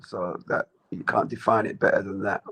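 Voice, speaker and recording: A man from Jamaica, giving measured, plain-spoken answers as an interview guest. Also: fairly low pitch, steady tone, creaky, a bit bright, husky, rough recording.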